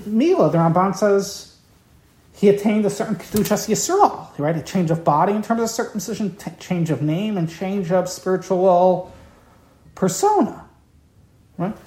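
In a roomy, echoey room, a female Torah teacher gives an evening lecture on the Torah. Her mid-range voice has a warm tone, and she speaks emphatically and with passion, frequently repeating key words.

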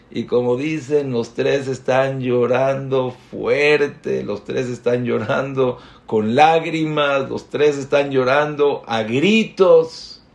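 A man giving a sermon, telling a story with earnest rising and falling emphasis. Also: mid-range voice.

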